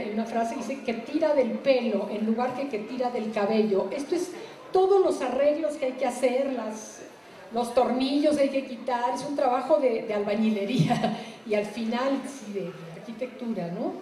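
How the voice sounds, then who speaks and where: A woman gives a reflective public talk about her translation work, pausing often with fillers and restarts. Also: a little high, mellow, reverberant, poor audio. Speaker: literary translator.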